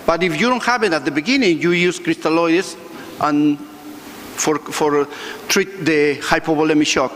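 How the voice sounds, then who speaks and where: Higher-voiced man answering haltingly in a hall. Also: a bit bright. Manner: halting, non-fluent phrasing. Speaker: conference speaker answering questions. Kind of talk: unscripted question-and-answer. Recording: echoey hall with background noise.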